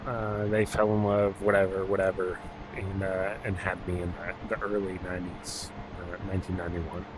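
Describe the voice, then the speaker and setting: A man in his thirties from Alaska, chatting in a relaxed, rambling way with many fillers while streaming a game. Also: low voice, moderate pace, noisy background. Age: 30s. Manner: rambling, laid-back, many fillers and restarts. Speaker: gaming streamer. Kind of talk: casual live-stream chat while playing.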